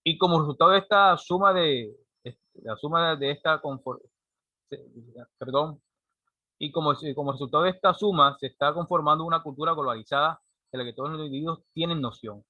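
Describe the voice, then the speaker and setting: A man's voice: a little high, fairly quick, no echo, narrow, tinny audio. A man, giving a classroom lecture and often checking in with a rhetorical "right?". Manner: explanatory, frequent rhetorical "¿cierto?" checks. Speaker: teacher.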